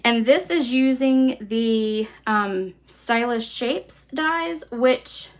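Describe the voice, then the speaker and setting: Southern woman, craft class host, easygoing and self-deprecating, a bit higher than most. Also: extremely slow. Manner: chatty, relaxed, self-deprecating. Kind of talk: live card-making demonstration.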